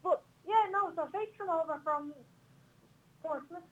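Giggly high-voiced woman on a phone line. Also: measured pace, fairly bright tone. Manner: giggly, chatty. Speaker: caller guest. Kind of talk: casual chat.

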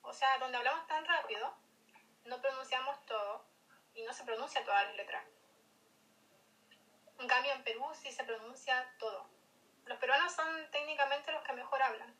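A woman's voice: high-pitched, normal speed, pauses often, pushed and bright, rough recording. A Chilean woman with a Chilean accent in casual chat as co-host, explaining points earnestly.

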